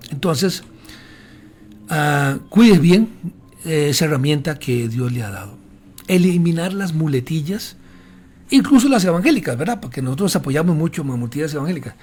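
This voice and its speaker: A man lectures fellow pastors on preaching, his voice slightly breathy and sitting a bit high for a man. He hands out practical advice in a plain, teacherly way, pausing on fillers as he goes. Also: big pitch swings, a little mellow. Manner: didactic, gives direct advice with frequent fillers. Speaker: pastor giving a preaching workshop. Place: speaking while drinking water during a talk.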